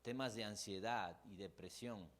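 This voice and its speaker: A man's voice: lowish voice, measured pace, fairly bright tone. A man with a Mexican accent preaching a sermon as a pastor, emotive, acting out the struggles of his listeners.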